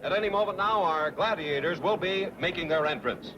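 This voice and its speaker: Actor as a showy ringside wrestling announcer. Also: male voice, sits high, a little fast, natural voice. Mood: grand, excited. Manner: formal, showy. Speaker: sports announcer. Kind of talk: 1960s broadcast commentary. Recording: muffled, very noisy arena broadcast.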